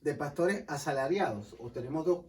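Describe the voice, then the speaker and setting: A man's voice: on the high side, animated, moderate pace, darkish tone, recorded from a distance, slight background noise. A man co-hosting a religious talk show who prompts the pastor with questions and agrees along. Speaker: co-host. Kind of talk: casual chat on a religious show.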